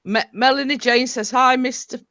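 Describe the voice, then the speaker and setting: A woman's voice: sits high, fairly even intonation, normal speed, sharp tone. A woman co-hosting a casual live stream, chatty and reading out viewer comments.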